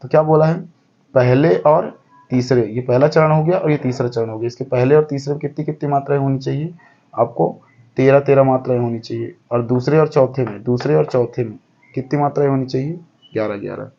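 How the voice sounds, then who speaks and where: A man's voice: medium pitch, a little fast, vocal fry, dark tone, highs cut off. A man teaching a lesson step by step, counting aloud and often checking that the class follows. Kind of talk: explaining a lesson.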